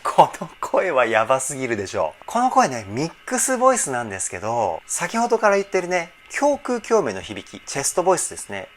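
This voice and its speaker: A man's voice: on the high side, a little hiss or hum. A man working as a vocal trainer, giving effusive reaction commentary on a song. He breaks into exclamations between short analytic remarks. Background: faint song playing.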